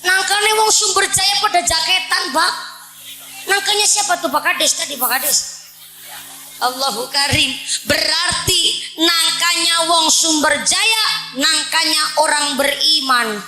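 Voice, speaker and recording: High bright-voiced Javanese woman preacher. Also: unhurried, roomy sound, a little hiss or hum, low-quality recording. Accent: Banyumas Javanese. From Central Java. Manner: playful, joking, addresses audience as Pak. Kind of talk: humorous religious sermon. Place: village religious gathering.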